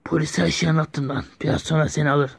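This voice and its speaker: A man's voice: fairly high pitch, little pitch movement, fast, creaky, breathy edge, voice pushed up. A man voicing a hot-tempered man who curses on the phone. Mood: angry. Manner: aggressive, swearing.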